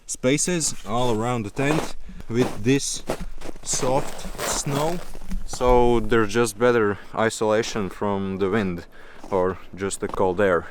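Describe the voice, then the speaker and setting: Low-voiced man vlogging casually outdoors. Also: slow pace, background noise. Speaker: camping vlogger. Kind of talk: casual vlog narration to camera. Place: outdoors in a snowy winter forest.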